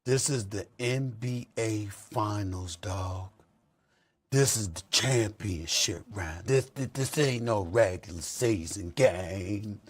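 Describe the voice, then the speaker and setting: A man on a sports debate show giving an impassioned speech, dropping to soft, emotional asides and then building up to shouting. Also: lowish voice, takes it slowly.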